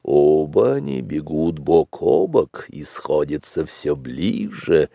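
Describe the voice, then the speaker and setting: Storybook panther, wise and unhurried, read by a man, low measured tone, dry sound. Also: creaky, dry recording, full character voice. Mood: calm. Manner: calm, measured, low and slow. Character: Bagheera, calm wise female panther.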